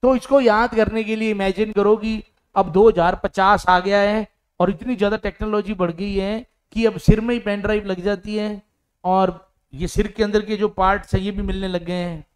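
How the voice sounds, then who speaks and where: A man teaching English idioms in a mix of Hindi and English. He explains each one through an imagined little story with acted-out lines, and reads the English example sentences slowly. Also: high voice, fairly even intonation, smooth.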